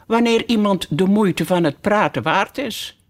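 A reader putting on a haughty tiger lily, grand and imperious, who lectures and scolds everyone around her. The delivery is unhurried and drawn out, a proud storybook flower performed by a narrator. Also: medium pitch, voice pushed up, close to an everyday voice. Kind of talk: audiobook character voice.

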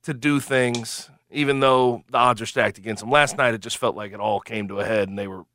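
A man's voice: mid-range voice, fairly even intonation, fairly quick, bright, forceful tone. A man hosting a sports talk radio show in a radio studio, chatty and emphatic.

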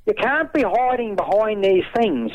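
A man's voice: high-pitched, very animated, unhurried. A man with a broad Australian accent and a blokey tradesman's manner, giving earnest, emphatic opinions in folksy slang as a talkback caller. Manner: earnest, plain-spoken, emphatic. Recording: dull, lo-fi phone-in over radio.

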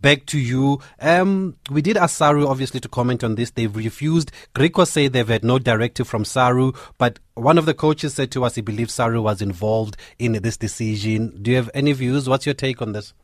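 Brisk radio host. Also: male voice, mid-range voice, no room sound, clean studio sound. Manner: brisk, affirming murmurs, steers callers. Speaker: radio talk show host. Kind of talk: radio call-in hosting.

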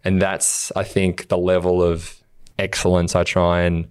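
A man's voice: low-pitched, completely flat delivery, a little slow, a little mellow, clean tone, no echo, studio quality. An Australian man co-hosting a podcast, talking earnestly in a casual motivational chat and acting out things he would say to himself. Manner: earnest, acts out quotes of himself. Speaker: podcast co-host.

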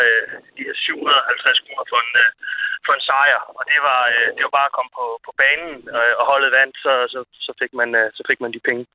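A man, an amateur football coach, talks as a radio guest and pauses often with fillers and restarts. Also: mid-range voice. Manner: hesitant, many fillers and restarts. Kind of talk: radio phone-in interview. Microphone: telephone. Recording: tinny phone line, dry.

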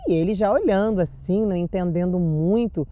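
A woman's voice: fairly low pitch, brisk. A Brazilian woman in her forties, an actress guest telling casual stories and acting out the people she quotes. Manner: animated, acts out quotes with shrieks. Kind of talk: casual storytelling.

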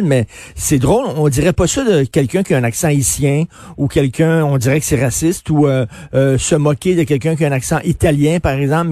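A man's voice: a little high, dark tone, no room sound. A man with a Québécois French accent hosting a radio interview, speaking in a chatty, casual way full of conversational fillers. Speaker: radio host.

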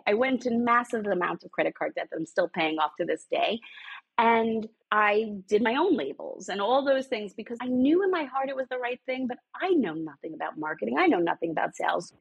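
A middle-aged woman, a beauty brand founder, telling her story in a lively, sassy way in an interview. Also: mid-range voice, vocal fry, breathy edge, lo-fi sound. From United States.

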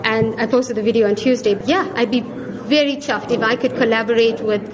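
A woman's voice: on the high side, fairly even intonation, normal speed. A woman in her forties, a restaurant owner and singer, answering interview questions in a chatty, upbeat way. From South Africa. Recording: crowd chatter behind.

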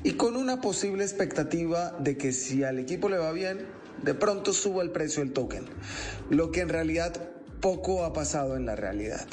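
A man's voice: fairly high pitch, animated, normal speed, darkish tone. A man delivering a prepared radio news commentary. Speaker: radio crypto segment commentator.

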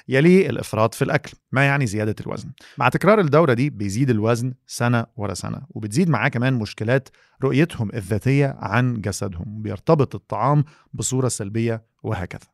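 A man's voice: medium pitch, creaky, no echo, studio quality. A man with an Egyptian Arabic accent, co-hosting a podcast in a partly scripted presenting style. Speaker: co-host.

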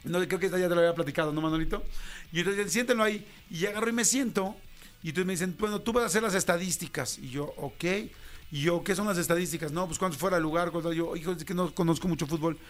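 A middle-aged man with a Mexican Spanish accent, telling a story on a radio show and acting out every voice in it. His voice sits high for a man. Faint music plays behind him. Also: quick pace. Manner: animated, acts out voices in his anecdotes. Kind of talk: casual storytelling chat.

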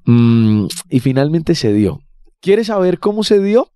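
A man's voice: a little high, big pitch swings, a little slow, mellow, smooth. A young man with a Colombian accent, co-hosting a podcast in casual, crude, joking banter. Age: young adult. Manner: slangy, joking, talks in bursts. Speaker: podcast co-host.

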